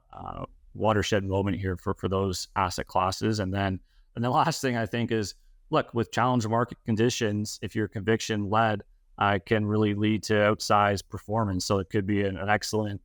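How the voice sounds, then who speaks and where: Canadian guy on a podcast, lots of uh and um, low voice, dry sound. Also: fairly bright tone, no echo. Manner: hesitant, many fillers and restarts. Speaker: real estate advisor guest. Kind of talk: podcast interview answer.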